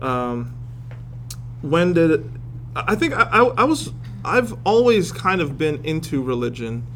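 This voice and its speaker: In a casual classroom interview with students present, a Boston-area professor speaks in a slightly high, somewhat bright voice with big pitch swings. He's joking and self-deprecating, stopping and restarting as he goes, and the audio carries a faint hiss or hum.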